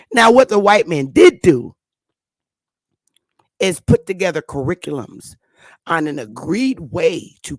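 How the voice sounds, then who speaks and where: A woman from the northern United States hosts an online talk show, giving a casual teaching monologue that turns emphatic and preachy. Her low-pitched voice stretches out the words she stresses, and there's no room sound.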